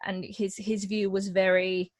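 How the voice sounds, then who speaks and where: A woman's voice: medium pitch, a little slow, no echo, clean studio sound. A young woman from Mexico, an actress talking candidly in an interview over a video call, often restarting her sentences. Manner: candid, animated, with many restarts. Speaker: actress and guest. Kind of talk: casual interview conversation.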